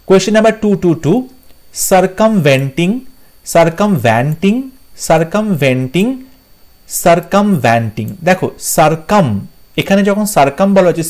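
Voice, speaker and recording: A man's voice: fairly high pitch, darkish tone. Man spelling words out letter by letter. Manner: addresses students directly. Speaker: English teacher. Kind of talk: exam-prep spelling lesson.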